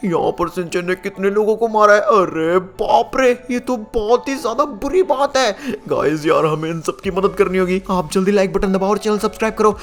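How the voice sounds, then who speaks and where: A young man with a notably high voice, narrating gameplay with theatrical gasps and alarm. He keeps turning to his viewers in an excitable, dramatic way. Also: fairly quick, few pauses, faint music behind. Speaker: gaming YouTuber narrating as player character.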